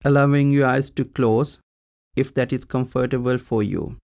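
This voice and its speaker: Guiding a meditation as a teacher, a man speaks in brief, calm instructional phrases with long pauses in between. His voice is mid-range with some vocal fry.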